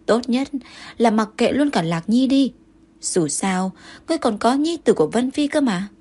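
A woman voicing a proud, jealous young consort who answers in sharp, indignant retorts, with a breathy voice. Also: on the high side, lively intonation, normal speed. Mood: bitter.

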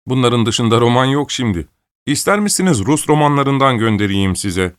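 A man's voice: medium pitch, animated, moderate pace, clear, resonant tone, no echo, studio quality, voice pushed up, lightly acted. A man reading an audiobook, voicing a young officer who speaks lightly and teasingly.

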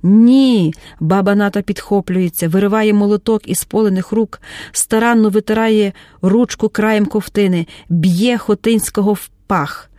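Audiobook narrator, woman, mellow tone, close dry recording, dramatic delivery with voiced characters. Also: steady tone, moderate pace, dry recording. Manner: shifts pitch and pace to voice the characters.

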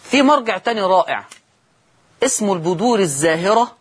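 A man's voice: sits high, animated, a little fast, breathy edge. A middle-aged man with an Egyptian Arabic accent, teaching Quran readings on a TV lesson and addressing viewers directly, repeating key points.

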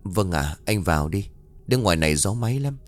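A man voicing a tired young mother who speaks softly and wearily. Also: low-pitched, animated, fairly quick, no echo, faint music behind. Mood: weary. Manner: soft, weary.

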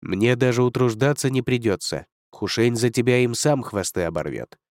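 A man's voice: medium pitch, moderate pace, darkish tone, no echo, clean studio sound, lightly acted. A man reading an audiobook, voicing a proud male dragon lord who speaks coldly and curtly. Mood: stern. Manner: cold, curt, commanding.

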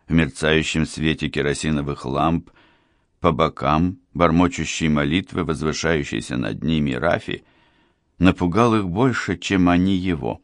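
A man narrating an audiobook in a measured, grave storytelling manner. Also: extremely low pitch, dry recording, studio quality.

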